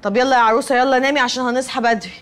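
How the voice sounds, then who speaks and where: An actress with an Egyptian accent playing a bossy, sharp-tongued young woman in a sitcom, bickering sarcastically. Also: high-pitched, fairly even intonation, racing, a little hiss or hum. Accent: Egyptian Arabic. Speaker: sitcom character. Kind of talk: sitcom acting.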